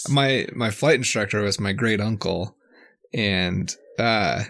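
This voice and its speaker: A man's voice: on the low side, takes it slowly, creaky, a bit bright. This is a young man from the United States, co-hosting a casual podcast. His talk is easygoing and full of laughs, and he often finishes the other host's sentences. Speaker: podcast co-host. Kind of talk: casual chat.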